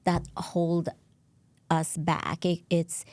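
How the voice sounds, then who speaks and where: A woman's voice: fairly low pitch, monotone, very slow, a little mellow, dry recording. A woman hosting a podcast interview, chatting casually, laughing often and repeating her words. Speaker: podcast host.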